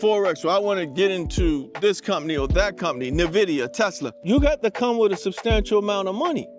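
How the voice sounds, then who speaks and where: A man's voice: high voice, expressive, a little fast, over music. A man co-hosting a podcast, talking in an emphatic, preachy way with a sing-song lilt. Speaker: podcast co-host. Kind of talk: casual conversational discussion.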